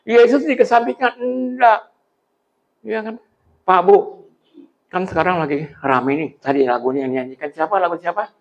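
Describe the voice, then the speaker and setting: High-voiced pastor preaching casually. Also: male voice. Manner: colloquial, animated, acts out quoted characters. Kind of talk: sermon.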